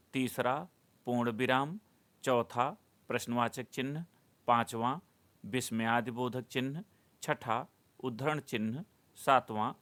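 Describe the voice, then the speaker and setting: A middle-aged man teaching a Hindi grammar lesson, explaining rules step by step and listing items slowly, as if for dictation. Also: mid-range voice, fairly bright tone. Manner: slow, deliberate, dictation-like enumeration.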